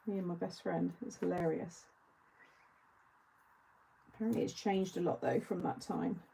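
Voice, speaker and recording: Chatty woman with a gravelly voice. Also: lowish voice, fairly even intonation, moderate pace, mellow, low-quality recording. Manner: chatty, reads viewer comments aloud and answers them. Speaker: craft show host. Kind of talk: casual live craft-along chat.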